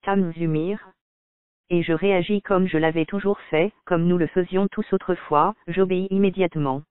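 High, clear male audiobook narrator. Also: no echo. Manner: calm, measured reading. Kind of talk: scripted first-person narration. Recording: dry, tinny phone-like audio.

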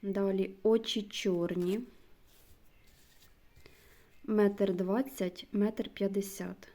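A woman vlogger in casual show-and-tell chat, slowly reading out names and sometimes dropping to a near-whisper. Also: medium pitch, steady tone, mellow. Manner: chatty, slow, reads out names one by one; drops to a near-whisper when reading labels. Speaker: gardening vlogger.

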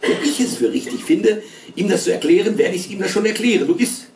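A curt, scolding mother, as a man puts her on, who snaps orders at the dinner table. Her voice sits a little higher and jumps about. It is heard from far off in a roomy hall. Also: expressive, fairly quick, a little mellow, a little hiss or hum. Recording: roomy stage sound from far.

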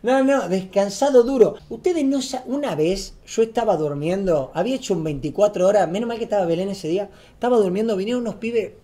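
A young man with an Argentine accent, a streamer telling a story to camera in a fast, slangy, excitable way that gets loud when he acts out scenes. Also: high-pitched. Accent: Argentine Spanish.

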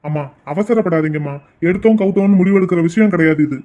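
A man playing a calm father and older brother who reasons patiently in a homemade drama. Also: sits high, dull audio, close to an everyday voice. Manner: patient, measured persuasion.

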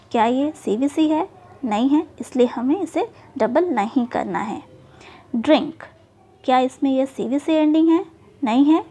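A woman's voice: high-pitched, darkish tone, husky. A woman teaching spelling rules step by step, checking in often with "okay". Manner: explains slowly with repeated "okay" and "theek hai" checks. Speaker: English teacher. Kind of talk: spoken lesson mixing Hindi and English.

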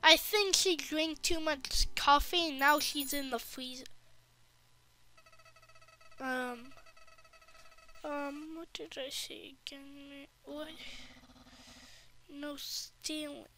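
A woman's voice: sits high, fairly even intonation, slow pace, pauses often, sharp tone, slight background noise. A woman giving casual, rambling commentary over her gameplay, often dropping to a whisper. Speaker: gaming video host.

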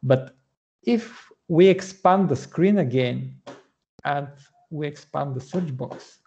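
Slow, gravelly man demoing code. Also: fairly high pitch, a little mellow, highs cut off. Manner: methodical, explanatory, many "uh" pauses. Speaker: front-end developer presenting. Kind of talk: screen-share coding walkthrough.

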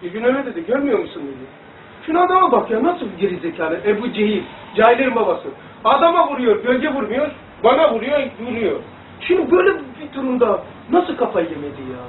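A man's voice: extremely high pitch, fast talker, a little hiss or hum. Distant, echoey man teaching religion. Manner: rambling, animated, demonstrating to listeners. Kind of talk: informal religious lesson. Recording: echoey room, distant phone-like mic.

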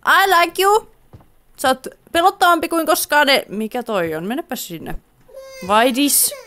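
A young-sounding woman with a Finnish accent plays through a game and comments on it as she goes. She giggles a lot and keeps talking to the character on screen. Her voice sits high and moves up and down in a lively way. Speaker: gaming YouTuber. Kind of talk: let's play commentary.

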